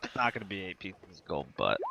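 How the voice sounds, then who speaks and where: A man's voice: sits low, big pitch swings, gravelly, sharp tone, a little hiss or hum. A man running a tabletop game as game master, narrating and voicing a shopkeeper with lots of fillers and laughs. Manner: halting, filler-heavy, laughs often.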